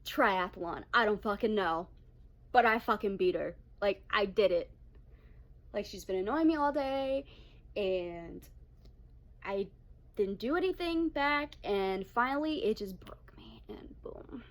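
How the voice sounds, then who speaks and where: A young adult woman telling a story-time vlog, blunt and animated with heavy swearing. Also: mid-range voice, measured pace. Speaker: vlogger.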